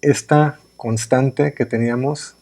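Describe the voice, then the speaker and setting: A man's voice: mid-range voice, steady tone, slow, darkish tone. A man explaining ideas through everyday examples in a pre-recorded workshop lesson, often checking in with "verdad?". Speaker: writing workshop instructor.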